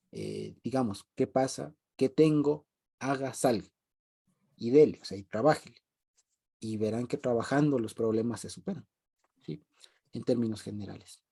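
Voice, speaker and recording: A man leads a relaxed group Bible study in a mellow, dark-toned voice. He talks conversationally, circles back to repeat his main points, and often breaks into a brief chuckle. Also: medium pitch. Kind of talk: informal group Bible teaching.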